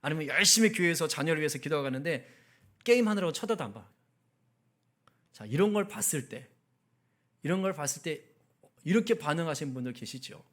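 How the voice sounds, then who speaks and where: Man, pastor, sermon, high-pitched voice, chatty preaching, questions to the congregation. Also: animated, fairly quick, long pauses, fairly bright tone. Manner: conversational, asks the congregation questions; acts out angry outbursts in quoted speech. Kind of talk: sermon at a midweek prayer meeting.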